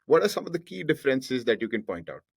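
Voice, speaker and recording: Quick, husky Indian-accented male interviewer. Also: mid-range voice, very animated, dry recording, clean studio sound. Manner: agreeable, frequent short affirmations. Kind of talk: casual conversational interview.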